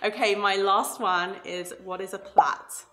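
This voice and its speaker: A woman's voice: mid-range voice, steady tone, unhurried, over music. A British woman, a makeup artist, chatting as a guest in a friendly, enthusiastic way. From Britain. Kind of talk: casual chat.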